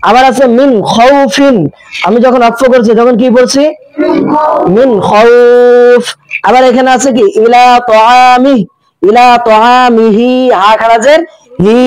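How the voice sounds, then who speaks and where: A man teaching the rules of Quran recitation, asking and answering his own questions and chanting verses slowly between quick explanations. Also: very high voice, dry recording, low-quality recording. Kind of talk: religious lesson on recitation rules.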